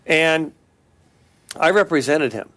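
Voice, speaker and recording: A middle-aged attorney with a Californian accent sounds animated yet slow-paced, his voice a little high and a bit bright. On a talk show he earnestly makes announcements, repeats the web address, and restarts often while telling a case story.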